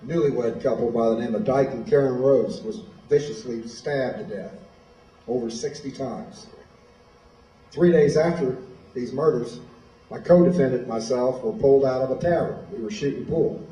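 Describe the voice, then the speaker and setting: A man in his fifties gives a plainspoken personal testimony to a school audience. His voice is mellow and dark. He sounds distant from the mic, in a roomy hall with noticeable echo. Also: medium pitch, moderate pace. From Illinois, USA. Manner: plainspoken, storytelling. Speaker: guest speaker at a school. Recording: echoey hall, voice from far off.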